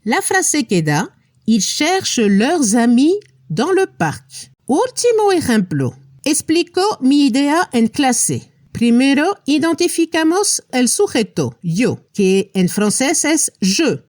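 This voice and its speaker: Slow, lively-pitched woman teaching a lesson. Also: dry recording, clean studio sound. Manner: slow, careful, drawing out example words. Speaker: language teacher. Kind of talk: step-by-step lesson explanation.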